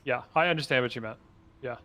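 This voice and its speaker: A man's voice: medium pitch, quick pace, bright, forceful tone. A man narrating a tabletop game as dungeon master, stumbling through restarts and fillers.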